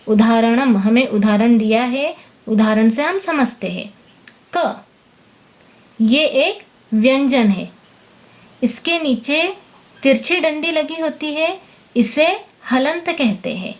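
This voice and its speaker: Slow, patient woman teaching a lesson. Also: on the high side, a little mellow. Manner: slow, patient, spells out each sound and translates word by word. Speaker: Sanskrit teacher. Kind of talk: classroom-style lesson explanation.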